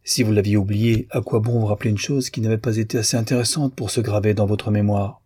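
A man voicing a proud, clever young man who answers politely and with quiet confidence. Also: lowish voice, steady tone, fast, husky.

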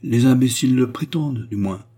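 A man's voice: medium pitch, fairly quick, warm tone, pitched above the performer's own voice, natural voice. A man reading the part of a young English traveler, dry and mildly mocking. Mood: wry.

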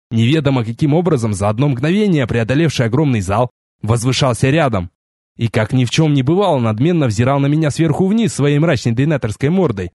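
A man reading a first-person audiobook in an expressive, wry way. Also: medium pitch, husky, dry recording, clean studio sound. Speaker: audiobook narrator.

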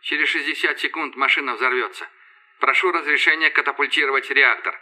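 A man voicing a calm doomed engineer. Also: mid-range voice, fast talker, rough recording. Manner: calm, collected, quietly tender. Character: calm young male engineer facing death. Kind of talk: audiobook character voice.

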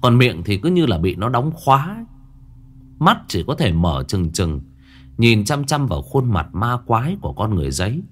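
A man's voice: lowish voice, husky. A man narrating a horror story in a dramatic, scripted telling. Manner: dramatic, lively delivery with drawn-out phrasing.

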